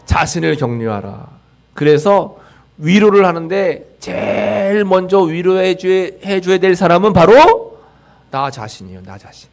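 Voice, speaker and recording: A male pastor delivering a sermon to his congregation, his slightly raised voice jumping from strong emphasis down to hushed, fading line endings. He slips into little acted voices for quoted self-talk and leads the room in calling out affirmations. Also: high voice, sing-song, unhurried. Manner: dramatic swings in loudness, trailing off to near-whispers at line ends. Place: church sanctuary.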